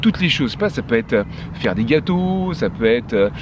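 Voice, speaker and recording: Sitting on a park bench, a fifty-something Frenchman who coaches and vlogs chats motivationally to the camera, restarting a lot and filling pauses. His medium-pitched voice is sing-song at a moderate pace, and the background is noisy.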